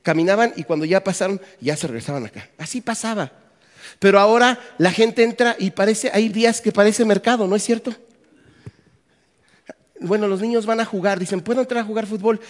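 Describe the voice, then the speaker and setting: This pastor, a Mexican man, speaks briskly in a high voice with a Mexican Spanish accent. Preaching at a conference, he throws in jokes and asks the audience questions. His words echo with a long hall reverb.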